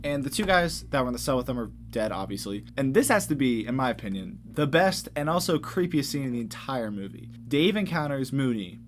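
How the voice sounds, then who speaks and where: A man giving a casual, comedic movie recap in an incredulous, animated way, with slangy, sweary speech. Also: mid-range voice, brisk, hardly any pauses, slight background noise. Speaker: movie reviewer.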